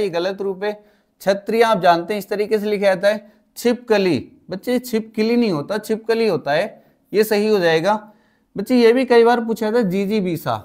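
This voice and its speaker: A man's voice: sits high, darkish tone. A male teacher giving an exam-prep spelling lesson, steadily explaining and calling his students "kids" again and again.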